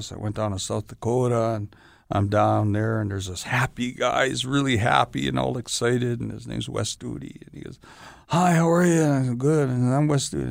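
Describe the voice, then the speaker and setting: Gravelly-voiced man telling lively stories. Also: on the low side, no room sound, clean studio sound. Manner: animated storyteller acting out quoted voices. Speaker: guest, actor and stuntman. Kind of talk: casual storytelling interview.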